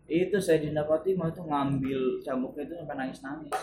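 Retelling a religious story in casual conversation, a man talks fast in a slightly high voice. He's animated and acts out the people he quotes. The room is echoey, with background noise.

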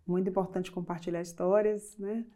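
A middle-aged woman from Bahia, Brazil, takes part in an interview as a guest, speaking in an earnest, reflective way full of fillers and restarts. Her voice is lowish with fairly even intonation and a moderate pace. Some background noise can be heard.

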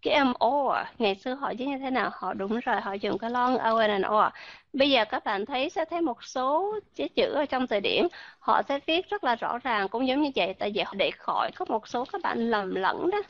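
A woman teaching English pronunciation in a live online voice-chat class, slowly repeating sounds and quizzing her students. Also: a little high, animated, highs cut off. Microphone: computer mic in online voice room.

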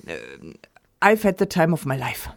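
A woman telling lively anecdotes in casual chat, laughing often and acting out quotes. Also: lowish voice, moderate pace.

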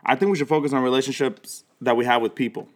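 A man's voice: mid-range voice, steady tone, fast. Laid-back young man hosting a podcast. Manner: laid-back, hesitant, many fillers and restarts. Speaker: podcast host and pastor. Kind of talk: casual chat. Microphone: studio microphone.

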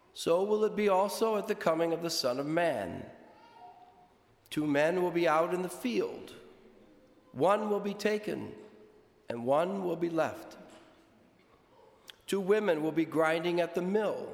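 A man serving as priest, reading the gospel and preaching a homily at Mass in a slow, measured way, his voice carrying a cathedral echo. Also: fairly high pitch. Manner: slow, measured and deliberate delivery. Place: large church. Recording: roomy church with long reverb.

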